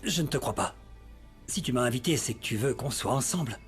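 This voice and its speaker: An actor in a dubbed television drama playing an earnest, insistent estranged husband. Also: male voice, medium pitch, animated, fairly quick, faint music behind, close to an everyday voice. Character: insistent, earnest estranged husband trying to win wife back.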